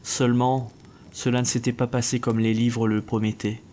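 A man reading a dark fantasy story aloud as narrator, steady and measured. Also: medium pitch, slight background noise. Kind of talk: scripted narration.

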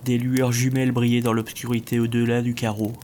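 A man reading a dark fantasy story aloud as narrator, steady and measured. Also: mid-range voice, a little hiss or hum. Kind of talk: scripted narration.

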